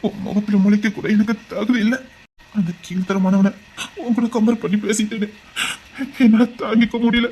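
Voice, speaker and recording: A woman with a Tirunelveli Tamil accent voicing a remorseful husband and father, her voice pushed much lower and sounding muffled. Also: little pitch movement, moderate pace, warm tone, faint music behind, natural voice.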